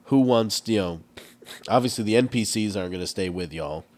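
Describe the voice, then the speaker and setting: A man with a stuffed-up nose, chatting casually as a game master and rambling through restarts and fillers. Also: lowish voice. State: congested, stuffed up. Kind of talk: casual podcast chat.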